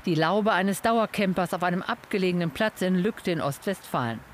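A man with a notably high voice narrates a news report in a sober, measured tone. A faint hiss of background noise sits under the read. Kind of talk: scripted news voice-over.

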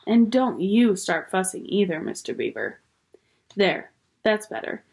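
A woman's voice: medium pitch, big pitch swings, unhurried, creaky, a little mellow, husky, full character voice. A woman voicing a bustling, motherly beaver wife. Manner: bustling and homely. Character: fussy motherly female beaver.

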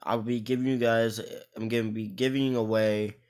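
A young Irishman talks loosely over his mobile gameplay, tripping over and restarting his words as he goes. His voice is smooth and clear, sitting at an ordinary male pitch. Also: flat delivery, moderate pace, darkish tone. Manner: rambling, restarts words often. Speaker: mobile game YouTuber. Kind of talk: casual gaming commentary.

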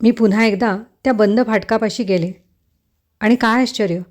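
A woman's voice: on the high side, steady tone, normal speed, darkish tone. Woman narrating a first-person romance story.

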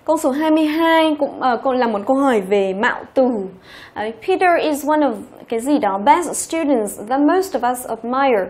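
Woman teaching, higher pitch. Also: expressive, moderate pace, darkish tone. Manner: explains step by step, often checks with "ok?" and "đúng không?". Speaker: English teacher. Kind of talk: online exam-review lesson.

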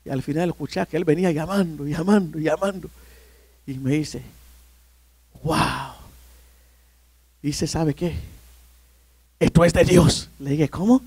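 High-pitched gravelly preacher telling a story. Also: male voice, normal speed, no room sound. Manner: animated storyteller, often addressing "hermano". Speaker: pastor. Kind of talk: sermon storytelling.

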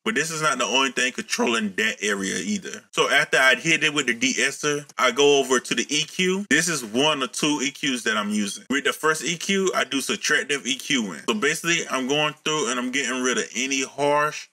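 A male music producer in his 30s teaches vocal mixing in a casual tutorial walkthrough from a home room, using a boom-mounted studio condenser mic and wearing headphones. His medium-pitched, bright voice is relaxed and explanatory, slowing down as he reads out settings.

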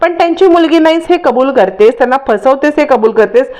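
A woman's voice: high voice, a little fast, darkish tone, voice pushed up, lightly acted. A woman voicing a greedy young blackmailer who talks in a taunting, insistent way in a storytelling recap.

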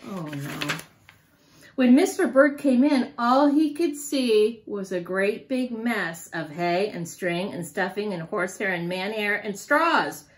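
A woman reading a picture book aloud to a child in an animated, sing-song way, stopping to ask questions. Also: mid-range voice, takes it slowly. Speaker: storyteller for children.

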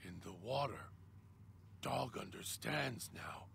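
An actor voicing a hulking, timid mutant who talks about himself in the third person in simple broken phrases, in a video game. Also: male voice, medium pitch, lively intonation, slow, vocal fry, fairly bright tone, a little hiss or hum, full character voice. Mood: pleading. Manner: simple broken speech, refers to self as Dog.

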